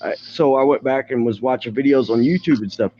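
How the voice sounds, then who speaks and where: A man's voice: mid-range voice, fairly quick, dark tone, muffled recording. A man from Louisville, Kentucky on a stream call, ranting in a mocking, heated way. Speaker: live stream caller. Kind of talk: casual ranting chat.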